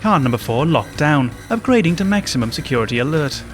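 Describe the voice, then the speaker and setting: A man's voice: fairly high pitch, big pitch swings, a little fast, over music. A man reading out a train's formal public address announcements, in the manner of a newsreader.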